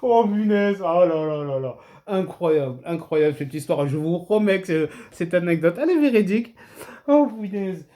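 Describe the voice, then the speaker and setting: A middle-aged man of Comorian heritage casually telling a story to his channel's viewers, swinging between low asides and high excited exclamations. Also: moderate pace. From Comorian heritage, France. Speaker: channel host.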